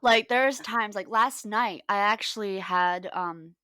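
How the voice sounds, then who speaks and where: A woman coaching on mindset in a casual podcast chat, telling stories in a lively way and acting out what people said. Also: medium pitch, slow pace, smooth, dry recording, clean studio sound. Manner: lively storytelling, acts out quoted lines.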